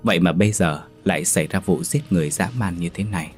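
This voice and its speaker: A man narrating a horror story in steady, dramatic storytelling. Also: low-pitched, quick pace, soft background music.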